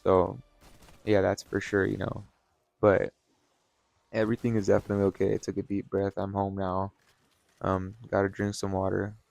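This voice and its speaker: A man's voice: deep voice, completely flat delivery, moderate pace, creaky, long pauses, a little mellow, no room sound. A tired, burnt-out man talking casually from home in a rambling, laid-back vlog monologue, swearing now and then. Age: adult, has kids and a wife. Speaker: vlogger. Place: at home, sitting in a chair.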